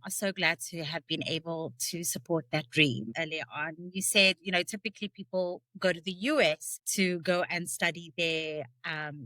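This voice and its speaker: A woman's voice: on the low side, bright, forceful tone, dry recording. A woman hosting a podcast, upbeat and friendly as she introduces and questions her guest. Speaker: podcast host.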